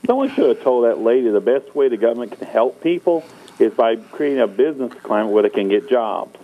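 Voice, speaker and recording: A man's voice: medium pitch, big pitch swings, a little fast. A man chiming in briefly on a political talk show, heard over a phone line. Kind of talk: conversational political commentary.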